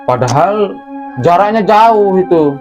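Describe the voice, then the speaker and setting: Man, casual horror storytelling, lively, somewhat high voice, dull audio. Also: takes it slowly. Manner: animated, acts out screams and sounds. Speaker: guest storyteller. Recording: muffled audio with music underneath.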